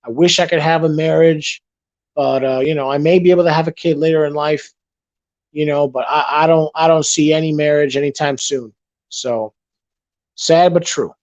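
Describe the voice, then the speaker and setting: Hosting a relaxed late-night livestream, a man reads chat messages aloud, rambling, repeating himself and restarting sentences. His voice is on the high side, steady and a little mellow at a normal speed, worn from a long session. The recording is dry and dull.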